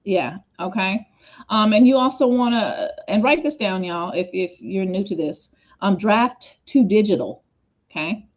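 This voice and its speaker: A woman hosts a relaxed livestream chat over a video call. She talks quickly and hops from point to point, circling back with chatty asides. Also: medium pitch. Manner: fast, scattered, chatty with repeated asides.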